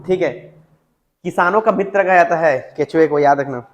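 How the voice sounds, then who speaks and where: High-voiced male teacher dictating words. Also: normal speed, dull audio. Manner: dictates words, repeats them, asks the class questions. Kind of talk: classroom lecture on Chhattisgarhi vocabulary. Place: classroom.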